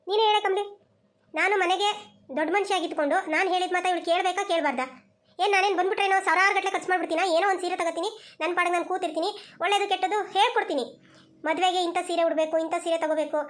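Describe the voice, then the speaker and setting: A woman's voice: very high-pitched, fairly even intonation, very fast. A woman voicing a stubborn, quarrelsome elderly mother-in-law in a village cartoon, who talks insistently and repeats herself. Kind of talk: cartoon voice acting.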